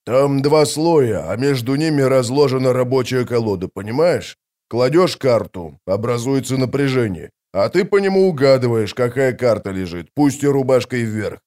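A man narrating an audiobook, voicing a gruff, grumbling male sapper. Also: mid-range voice, animated, normal speed, darkish tone, natural voice. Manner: grumbling, blunt.

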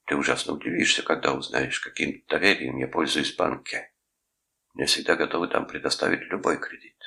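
A man's voice: extremely low pitch, steady tone, creaky, pushed and bright, heavily acted. A man playing a pompous preachy uncle. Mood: lecturing. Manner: preachy, lecturing, drawn-out phrases. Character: pompous sanctimonious middle-aged uncle, menacing.

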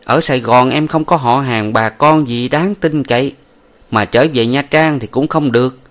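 A man voicing a shrewd, smooth-talking brothel madam in an audiobook, coaxing and sweet. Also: mid-range voice, moderate pace, pitched above the performer's own voice, lightly acted. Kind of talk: audiobook character voice.

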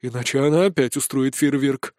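A man voicing a wary, hushed young mage. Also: medium pitch, brisk, no echo, clean studio sound, lightly acted. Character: cautious, serious male mage.

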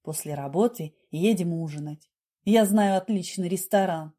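A woman reading aloud voices a middle-aged male boss with a low, clipped delivery. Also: normal speed, warm tone, natural voice. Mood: playful.

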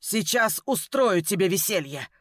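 A woman's voice: medium pitch, expressive, a little slow, fairly bright tone, no echo, clean studio sound. A woman voicing an angry, possessive young man in an audiobook, curt and growling. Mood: commanding. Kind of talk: audiobook character voice.

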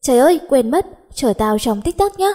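A playful, mischievous teenage girl, played by a woman reader who is often lazy and sleepy. The voice is dark and slightly husky. She speaks lightly and teasingly. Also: high-pitched, expressive, normal speed, voice pushed up.

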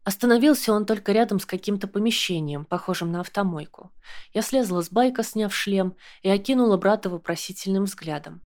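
A woman reading a first-person audiobook with calm, measured storytelling. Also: mid-range voice. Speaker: audiobook narrator.

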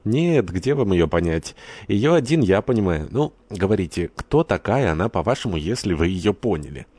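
A man voicing a talkative, eager village priest in an audiobook, his voice jumping up in pitch. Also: big pitch swings, moderate pace, a little mellow, breathy edge, no room sound, heavily acted.

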